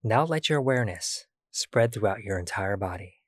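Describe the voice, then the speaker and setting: Soft-spoken man guiding a meditation. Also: fairly low pitch, expressive, no room sound, clean studio sound. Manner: slow, soft and soothing, with long pauses. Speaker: meditation guide. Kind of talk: guided body-scan meditation.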